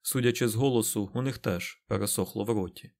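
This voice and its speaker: A man reading a fantasy audiobook as narrator, in an even, steady way. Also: on the low side, a little fast, creaky. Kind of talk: scripted narration.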